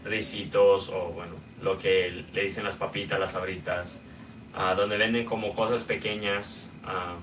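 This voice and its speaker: A young man from Guatemala with a Guatemalan Spanish accent, hosting a podcast and telling his own life story in a casual, unhurried way with many filler sounds. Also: sits low, little pitch movement, fairly bright tone, distant mic, slight background noise. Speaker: podcast host. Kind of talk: personal storytelling monologue.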